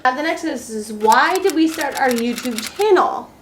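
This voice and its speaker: A woman's voice: high voice, lively intonation, moderate pace, very noisy. A tipsy woman chatting casually and playfully as she co-hosts a travel vlog Q&A. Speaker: travel vlogger. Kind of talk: casual chat, Q&A.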